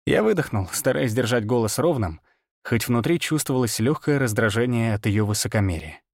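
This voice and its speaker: A man narrating a fantasy audiobook in the first person, steady and measured. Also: medium pitch, no room sound, studio quality.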